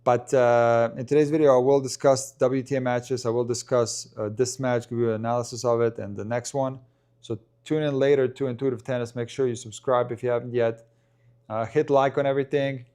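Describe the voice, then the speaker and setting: A man's voice: medium pitch, fairly even intonation, brisk, a little mellow, smooth. A man with a mid-range voice talks casually to his live-stream viewers. He rambles, restarts sentences and fills gaps with ums as he answers questions. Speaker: tennis coach and live-stream commentator.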